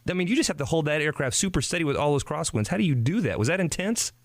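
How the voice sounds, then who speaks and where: A man's voice: on the high side, big pitch swings, racing, no echo. A man hosting a radio talk show, speaking in an enthusiastic, effusive manner.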